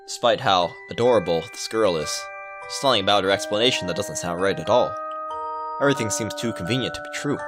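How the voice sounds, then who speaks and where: A let's player with a fairly low voice reads a visual novel aloud at a fast clip, tossing in playful joking asides. Game music plays underneath his voice.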